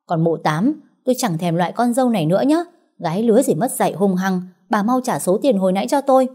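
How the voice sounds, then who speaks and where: A woman voicing a boastful, greedy older matron who talks down and turns shrill. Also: expressive, quick pace, mellow, natural voice. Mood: indignant. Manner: haughty, shrill when angry.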